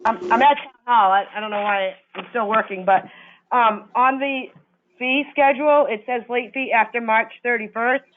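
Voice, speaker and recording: A woman's voice: on the high side, moderate pace, a little hiss or hum. A woman joining a town meeting remotely from a town hall office, her audio glitching and cutting out as she stammers through points about a fee schedule. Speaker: board member at a town meeting. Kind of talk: public meeting discussion. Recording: tinny glitching phone-like call line.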